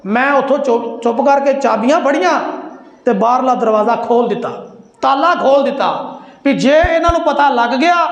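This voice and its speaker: A man with a Punjabi accent giving a Friday sermon in a mosque, telling a story in an animated way and acting out the dialogue. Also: very high voice. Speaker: Friday preacher. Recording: echoey mosque hall.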